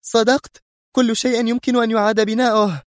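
A man voicing a furious woman who leads a criminal organization, shouting in outrage. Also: very high voice, level tone, brisk, no echo, clean studio sound, pitched above the performer's own voice.

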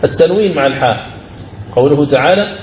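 Male recitation teacher, fairly high voice, lecture delivery with slow chanted examples; echoey room, faint background noise. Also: lively intonation, darkish tone, muffled recording. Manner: explains step by step, repeating key phrases. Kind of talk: recorded lecture on recitation rules. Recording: roomy recording with faint ambient noise.

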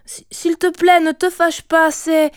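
A woman voicing a timid young gorilla girl with a high, pleading little voice in a storybook. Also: level tone, measured pace, no room sound, studio quality. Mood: tearful pleading.

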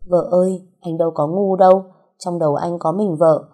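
A woman's voice: on the low side, steady tone, normal speed, warm tone, lightly acted. A woman voicing a sick young husband who coaxes and pleads with his wife. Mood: pleading. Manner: pleading, coaxing.

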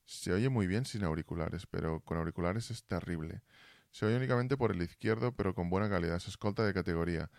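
Low-voiced man streaming a dry room. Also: a little fast, gravelly, darkish tone, no echo. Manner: fumbling with audio gear, asking chat for feedback. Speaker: Twitch streamer. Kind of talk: casual live-stream chat. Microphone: desk mic, then built-in computer mic.

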